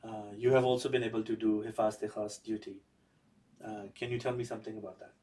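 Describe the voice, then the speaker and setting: A man hosting a conversational interview, putting measured questions with pauses. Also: fairly low pitch, level tone, darkish tone, recorded from a distance. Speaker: podcast host.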